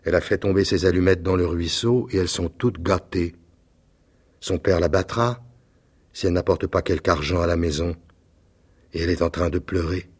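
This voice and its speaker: A man voicing a gentle, sorrowful statue prince in a storybook reading, low, slow and solemn. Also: steady tone, slightly rough.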